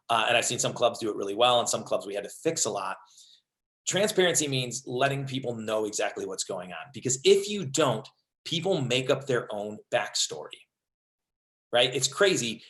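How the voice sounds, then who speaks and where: A man's voice: medium pitch, a bit bright. A man in his thirties giving an upbeat, conversational webinar presentation on leadership, with frequent fillers.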